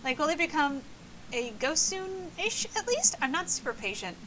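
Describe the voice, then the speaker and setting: A woman's voice: high voice, very animated, normal speed, sharp tone, slight background noise, voice pushed up, full character voice, low-quality recording. A woman voicing a bubbly, morbid party-girl ghost who talks in hyper, squealing exclamations.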